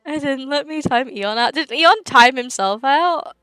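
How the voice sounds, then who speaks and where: A woman's voice: high-pitched, lively intonation, unhurried, a bit bright, no room sound, faint music behind, low-quality recording. A young woman livestreaming and chatting casually with viewers, giggly and rambling, often laughing mid-sentence.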